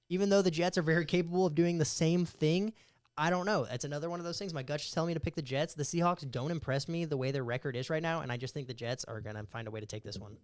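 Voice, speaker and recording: A young man talks through his predictions at a brisk clip, his voice smooth and a touch higher than most. He sounds sure of his picks and casual in his chat. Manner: confident, quick picks with gut calls. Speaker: podcast co-host.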